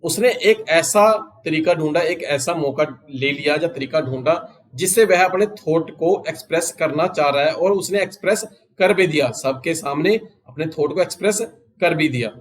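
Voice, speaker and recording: A man teaching English idioms in Hindi, reading each English phrase slowly and repeating it, with an Indian English accent. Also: on the high side, poor audio. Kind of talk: recorded exam-prep lesson.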